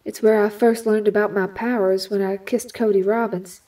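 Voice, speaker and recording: This rough, distant recording features an actress lightly acting as a young superheroine in an audio drama, guarded and quick to anger. She uses a Southern US accent and a sassy, folksy manner. Her medium-pitched voice is warm and moderately paced, with little pitch movement.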